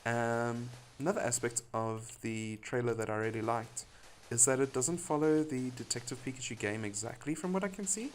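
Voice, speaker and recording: A man's voice: mid-range voice, moderate pace. Guy live streaming a block game, rambly and chatty, mid voice, bit of faint noise behind. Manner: rambling, chatty, laughs often. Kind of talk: casual live-stream chat while gaming.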